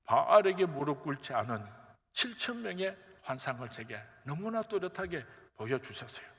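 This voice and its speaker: A male pastor preaches a sermon, telling a story in a lively way and acting out the quotes. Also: on the high side, moderate pace. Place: church sanctuary. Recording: echoey church hall.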